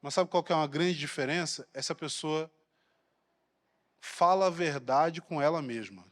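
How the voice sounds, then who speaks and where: A man's voice: on the high side, moderate pace, fairly bright tone. A man with a Brazilian Portuguese accent preaching a sermon in a blunt, colloquial, provocative way. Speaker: pastor. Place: large church hall. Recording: long reverb of a church hall.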